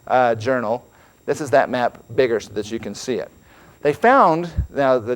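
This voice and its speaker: Earnest man giving a church lecture. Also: medium pitch. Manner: earnest, emphatic, repeats words. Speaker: church speaker. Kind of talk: religious lecture.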